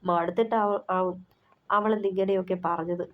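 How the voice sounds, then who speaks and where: A woman's voice: fairly low pitch, fairly even intonation, normal speed, lightly acted. A woman voicing a protective older brother, a young man who talks bluntly and scolds his friend. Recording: slightly muffled recording.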